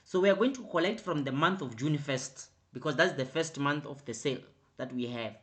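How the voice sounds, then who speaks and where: A man teaching an online accounting revision class, repeating his prompts and growing louder and more emphatic as he explains. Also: on the high side. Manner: repetitive, prompting with "right?" and "quickly". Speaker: accounting tutor.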